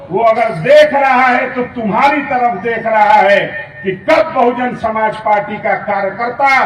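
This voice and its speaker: High-pitched man rousing an outdoor rally. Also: recorded from a distance. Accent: Uttar Pradesh Hindi. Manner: rousing, declamatory, rhetorical questions to crowd. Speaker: party worker giving a rally speech. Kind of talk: political rally speech. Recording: echoey PA sound from afar, faint ambience.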